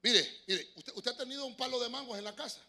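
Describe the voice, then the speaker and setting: A man preaching a fervent sermon in church, swinging from shouts to soft asides. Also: very high voice, quick pace. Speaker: pastor.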